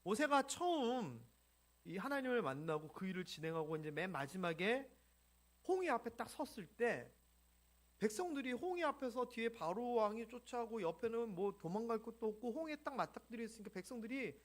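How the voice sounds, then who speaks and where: Animated preacher acting out scripture. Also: mid-range voice, a little fast. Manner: animated, acts out biblical dialogue, asks the congregation questions. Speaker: pastor. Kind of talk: sermon. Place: church sanctuary.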